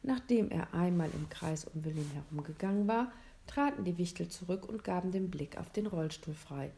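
A woman's voice: on the low side, normal speed, creaky. Woman reading a children's story aloud. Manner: expressive, dramatic reading with asides.

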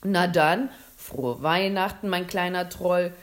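A woman voicing a jolly, excitable, giant Santa Claus in a read-aloud storybook, loud and playful. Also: lowish voice, takes it slowly.

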